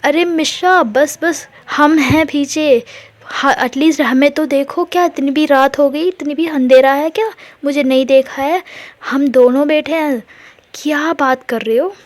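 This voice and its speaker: A woman's voice: sits high, a little slow, dry recording. A woman voicing a teasing young female friend who playfully calls out a couple.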